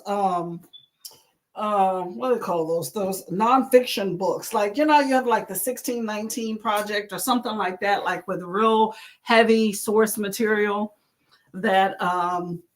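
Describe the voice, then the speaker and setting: A woman hosting a casual live chat, reading out viewers' comments and encouraging them. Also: mid-range voice. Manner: chatty, encouraging, exclaims often. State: clearing her throat. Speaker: livestream host.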